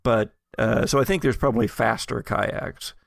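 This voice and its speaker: With a gravelly, medium-pitched voice at a moderate pace and no room sound, an American podcast host trades casual banter with friends, his humor dry and understated.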